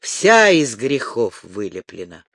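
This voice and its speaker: A man voicing a hot-tempered young brother who speaks bluntly and gruffly. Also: mid-range voice, sing-song, slow, a bit bright, no echo, studio quality, voice pushed down, exaggerated voice. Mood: scornful.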